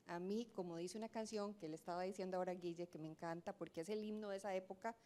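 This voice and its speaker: A woman's voice: fairly low pitch, fairly even intonation, fast talker, dark tone, a little hiss or hum. A woman giving a reflective, heartfelt faith testimony to a church audience.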